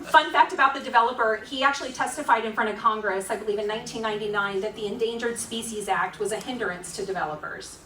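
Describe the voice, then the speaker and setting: A woman's voice: mid-range voice, fairly even intonation, fast, few pauses, sharp tone. A woman with a Florida accent giving an informal, explanatory presentation at a community meeting, with a conversational, wryly critical manner. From Florida, United States. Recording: echoey room, distant mic, faint noise.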